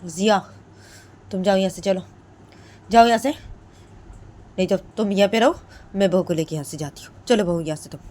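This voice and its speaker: A woman's voice: low voice, flat delivery, fairly quick, dark tone. A woman voicing a stubborn, protective middle-aged mother-in-law who insists and repeats herself. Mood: defiant.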